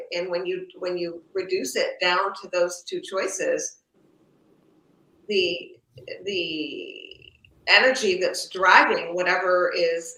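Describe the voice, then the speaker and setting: A woman with a slight lisp, like someone wearing a retainer, talks reflectively and haltingly, searching for her words in an unscripted discussion. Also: lowish voice, pushed and bright. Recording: echoey, roomy sound.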